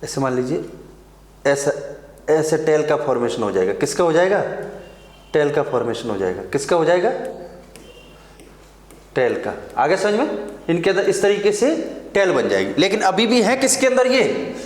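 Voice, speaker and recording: A man's voice: on the high side, very animated, normal speed, long pauses. A man teaching a nursing exam class, lecturing at the board and drilling terms by asking and answering his own questions. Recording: echoey classroom.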